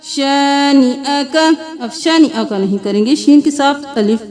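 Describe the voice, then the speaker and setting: High-voiced woman teaching chanted recitation. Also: darkish tone, soft background music. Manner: alternates slow drawn-out melodic chanting with rapid spoken corrections. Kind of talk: word-by-word chanted recitation lesson with corrections.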